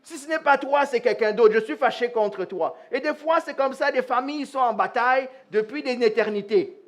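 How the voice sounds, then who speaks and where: Speaking at a moderate pace in a very high voice, a man preaches to his congregation during a live church sermon. He's animated, quizzes his listeners, and performs short dialogues using different voices.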